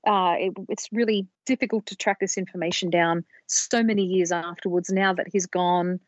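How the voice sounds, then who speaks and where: With a fairly low pitch, fairly even intonation, and moderate pace, a woman co-hosting a podcast walks carefully through her research, casual and explanatory, with small restarts. There's no echo, and the recording sounds dull, dry, and lo-fi.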